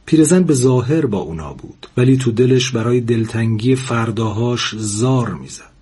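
Husky man narrating a story. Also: mid-range voice, lively intonation, mellow.

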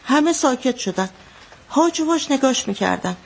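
A woman's voice: high voice, expressive, vocal fry, full character voice. An actress playing an anxious mother who recounts a bloody wedding in a radio drama, telling it vividly. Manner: vivid storytelling, shouting out the quotes she retells.

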